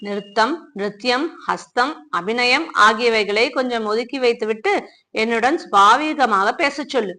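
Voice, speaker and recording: A proud young prince from a storybook tale, mocking one moment and pleading the next, voiced by a woman. She keeps close to her own fairly high voice. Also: moderate pace, sharp tone. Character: proud young prince, teasing then tender.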